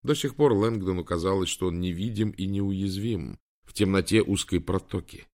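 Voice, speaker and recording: A man reading an audiobook in a measured, even scripted narration. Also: sits low.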